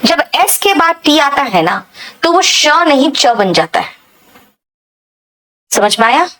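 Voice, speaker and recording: A woman's voice: sits high, big pitch swings, slow, fairly bright tone, poor audio. A woman teaching spoken English in a bilingual lesson, repeating words and drilling pronunciation and addressing her students as "beta".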